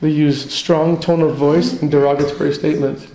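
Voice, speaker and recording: Brief: man, pastor, conversational sermon, warm dark tone, somewhat raised pitch. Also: level tone, moderate pace. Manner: earnest, conversational teaching with personal stories. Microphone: handheld microphone. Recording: echoey hall.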